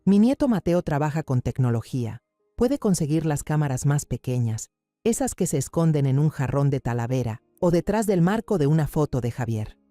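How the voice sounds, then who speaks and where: A man voicing a fierce, loyal older woman baker in a storybook narration, talking with forceful determination. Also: a little high, lively intonation, normal speed, no echo, studio quality, faint music behind, lightly acted. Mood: determined.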